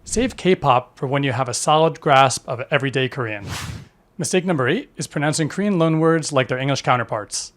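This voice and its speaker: A man giving a scripted lesson as a language teacher, with an even, instructive delivery. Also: mid-range voice, brisk. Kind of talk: scripted educational narration.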